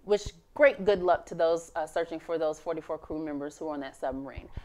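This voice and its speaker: A woman's voice: sits low, fairly quick, dark tone. Woman hosting a casual live news show. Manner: reads with many "uh" fillers, laughs easily.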